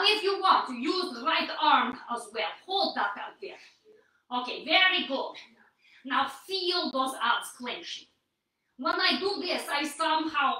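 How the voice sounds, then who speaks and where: A woman's voice: high voice, bright, forceful tone, heavy reverb, recorded from a distance, rough recording. A woman leading a live-streamed yoga core workout in a stilted, put-on persona voice, coaxing and encouraging her viewers. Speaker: workout instructor.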